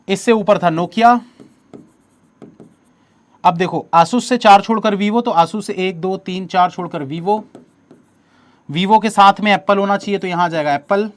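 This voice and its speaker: A man, teaching an exam coaching lesson step by step and reading the questions slowly aloud. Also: high-pitched.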